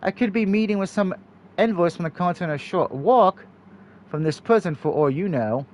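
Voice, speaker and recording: A man reading the visual novel lines of a stern, quick-tempered female prison interrogator, blunt, cold and commanding. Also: sits high, animated, a little mellow, a little hiss or hum. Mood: cold, irritated. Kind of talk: visual novel dialogue read aloud.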